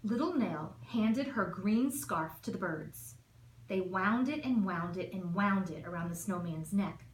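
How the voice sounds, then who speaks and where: An assistant principal with an animated, mid-range voice reads a children's storybook a little slowly. Her storytelling is rhythmic and emphatic, recorded in an echoey space with faint noise.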